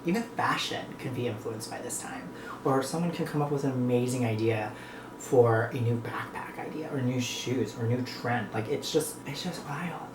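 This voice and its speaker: Chatting casually and reflectively while eating, a North American vlogger rambles to viewers at normal speed in a medium-pitched voice. The recording sounds echoey, with clear background noise.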